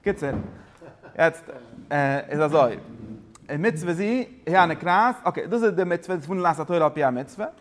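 A man teaching a religious study lesson, explaining in a rapid, rambling way and dropping English words into his talk. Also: fairly high pitch, expressive.

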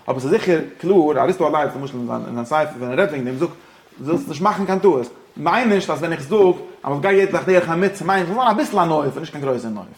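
A man teaching a religious-philosophy lesson, talking rapidly and repeating himself, dropping English phrases into his explanations. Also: on the high side, animated. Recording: echoey room.

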